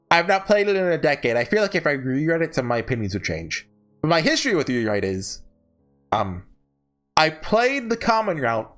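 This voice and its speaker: Ranking visual novels as host, a man offers off-the-cuff, casual commentary, rambling and often backtracking mid-sentence while sharing enthusiastic, emphatic fan opinions. His voice has a fairly high pitch and is a bit bright, with background music playing.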